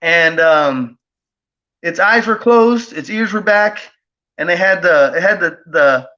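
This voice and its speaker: High bright-voiced man rambling through a story. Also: expressive, slow. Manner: rambling, with many fillers and tag questions. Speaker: guest. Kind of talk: casual storytelling. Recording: dull lo-fi audio.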